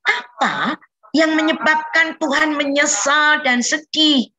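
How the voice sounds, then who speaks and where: A woman's voice: high-pitched, slow, sharp tone. A woman leading a children's Bible lesson over a video call, patiently coaxing the kids with questions. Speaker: children's Sunday school teacher.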